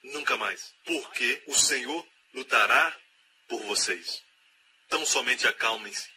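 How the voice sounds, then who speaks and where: A man's voice: medium pitch, slow, background noise. A man preaching a sermon with emphatic delivery, repeating key phrases again and again and acting out the voices of the people he quotes.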